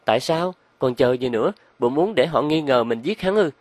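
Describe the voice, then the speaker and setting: A man voicing an anxious, impatient young woman who speaks in a shrill tone in a spoken story. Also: lively intonation, normal speed, dry recording, lightly acted.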